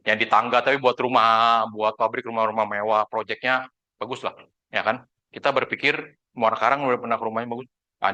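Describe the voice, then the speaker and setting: A man, an insurance agent telling his team a story in a casual, animated way and acting out the dialogue. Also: lowish voice. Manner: animated, acts out dialogue in quoted voices.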